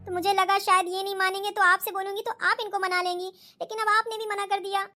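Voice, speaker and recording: A polite young daughter-in-law from a cartoon, pleading softly with her family, as a woman voices her. Her voice sits very high and sounds bright and crisp. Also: flat delivery, fast talker, soft background music. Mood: worried. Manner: polite, pleading, soft-spoken. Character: young Indian wife, pleading and dutiful. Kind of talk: cartoon voice acting.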